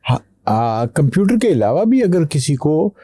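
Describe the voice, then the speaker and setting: A middle-aged man from Pakistan, a company CEO, answering interview questions slowly, pausing to think before he speaks. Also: fairly high pitch, sing-song, warm tone, no echo. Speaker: guest, tech company CEO. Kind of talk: podcast interview.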